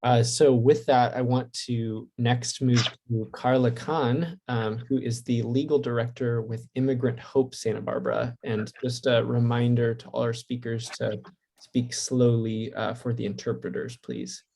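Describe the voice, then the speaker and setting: A man moderating a webinar, who thanks and introduces the speakers in a polite, measured way. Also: mid-range voice, little pitch movement, gravelly, a little mellow. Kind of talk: hosting a webinar. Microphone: video call.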